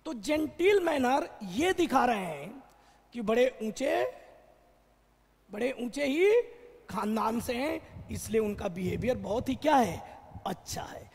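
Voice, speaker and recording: A man teaching vocabulary in a classroom, explaining slowly and answering his own questions. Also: very high voice, very animated, husky, big-room sound.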